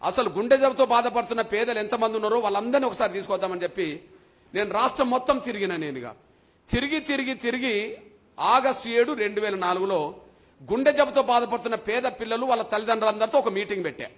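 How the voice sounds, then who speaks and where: At a community leaders' meeting, a man with a Telangana Telugu accent gives a public speech in a high-pitched, fast voice. He tells a story with passion, repeating himself for emphasis.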